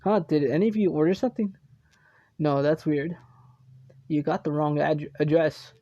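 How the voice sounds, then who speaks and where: A man reading the part of a rude, impatient male thug in a gruff, dismissive way, over game music. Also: on the high side, fairly even intonation, normal speed, warm tone, dry recording, muffled recording, natural voice. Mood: annoyed.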